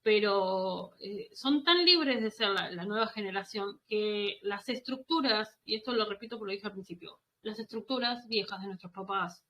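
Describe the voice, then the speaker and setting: A woman's voice: medium pitch, moderate pace, hardly any pauses, bright, forceful tone. A woman with a Rioplatense Spanish accent hosting a casual parenting conversation, chatty and rambling, laughing often.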